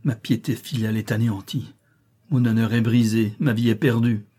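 A man's voice: fairly low pitch, flat delivery, moderate pace, warm tone, slightly rough. A man voicing a despairing young man, anguished and broken with shame, in an audiobook. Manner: sobbing, anguished pleading.

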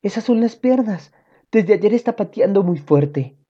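A woman reading aloud, voicing a gentle, cheerful young mother in a children's storybook with a sweet, sing-song manner. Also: mid-range voice, expressive, a little slow, breathy edge, voice pushed up. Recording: dull lo-fi audio.

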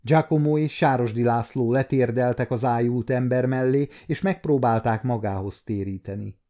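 A man in his fifties reading a historical novel aloud as an audiobook narrator, steady and measured. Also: mid-range voice. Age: 50s.

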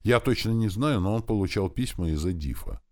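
A man's voice: on the low side, lively intonation, fairly quick, pitched above the performer's own voice, close to an everyday voice. A man voicing a frightened young male rebel leader who whines and begs. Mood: terrified. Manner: whining, begging, panicky.

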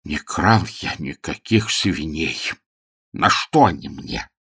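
A man's voice: expressive, slow pace, fairly bright tone, breathy edge, full character voice. A man doing a choleric sputtering baronet. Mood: indignant. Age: 40s. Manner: shrill outraged sputtering. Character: choleric red-faced middle-aged baronet.

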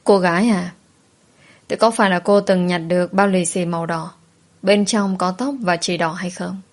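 A woman voicing a gentle, hoarse-voiced middle-aged mother who asks slowly and hesitantly. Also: fairly low pitch, fairly even intonation, close to an everyday voice. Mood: anxious. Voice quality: husky.

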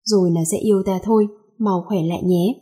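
A woman voicing a possessive, commanding young male emperor in a read-aloud story, in a mellow, husky voice. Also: medium pitch, steady tone, fairly quick, lightly acted.

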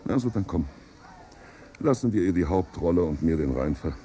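An actor playing a worldly, ironic gentleman in a 1950s radio drama, with a dry, wry manner. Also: low voice, expressive, normal speed, slight background noise.

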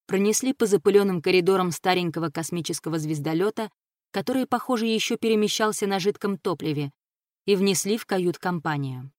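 Brief: female audiobook narrator, steady even read, dry studio sound. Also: on the low side, fairly quick, dry recording.

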